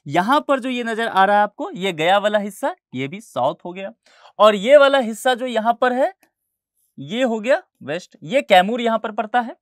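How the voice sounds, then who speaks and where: Lively male teacher explaining step by step. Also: high voice, normal speed, no echo, clean studio sound. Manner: explanatory, keeps checking students follow. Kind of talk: exam-prep lecture over a map.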